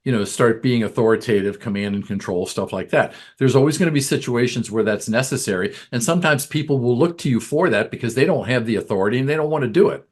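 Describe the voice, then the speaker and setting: A man co-hosting a business podcast who explains his views in a thoughtful, measured way. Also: medium pitch. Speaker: podcast co-host, business coach. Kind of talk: casual podcast chat.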